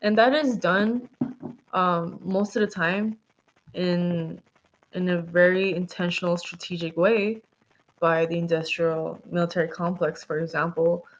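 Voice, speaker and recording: A woman's voice: fairly low pitch, fairly even intonation, measured pace. A woman guest heard over a call line, answering in a rambling way full of fillers and self-corrections. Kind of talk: casual interview answers. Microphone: video call. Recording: dull lo-fi call audio.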